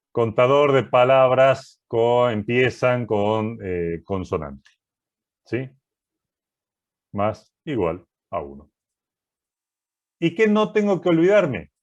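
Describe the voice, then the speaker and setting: A man's voice: mid-range voice, highs cut off. A man teaching a programming class, walking through code step by step and often checking that students follow. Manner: methodical, keeps checking understanding with "¿sí?".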